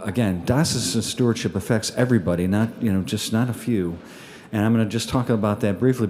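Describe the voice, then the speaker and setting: A male pastor speaks to his congregation at Mass in a relaxed, folksy homily. His voice sits fairly low and sounds dark and mellow. He talks in loose, conversational sentences full of "uh" and restarts. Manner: chatty, folksy, with many fillers and restarts. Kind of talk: casual homily with an appeal. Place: church at Mass.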